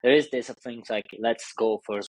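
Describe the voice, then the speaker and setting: A man with an Italian accent, talking as an interview guest and business coach. His English is loose and full of fillers and restarts, at a middling pitch. The recording is close and dry. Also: moderate pace, no echo, low-quality recording. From Italy. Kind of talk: casual interview talk.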